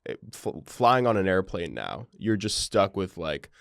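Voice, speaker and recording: Young guy cohosting a podcast, deep voice, dry close sound, lots of likes and ums. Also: very animated, measured pace, vocal fry, no room sound. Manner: wry, rambling, heavy on fillers. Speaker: podcast co-host. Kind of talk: casual chat.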